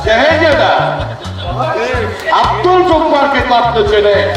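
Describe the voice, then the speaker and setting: A man's voice: very high voice, lively intonation, a crowd in the background. A man playing a cautious, deferential royal minister in formal, declamatory folk-theatre style. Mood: explaining, deferential. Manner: formal, drawn-out, deferential delivery. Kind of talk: slow declamatory folk-theatre (jatra) stage acting. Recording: echoey hall stage recording, distant mic, music.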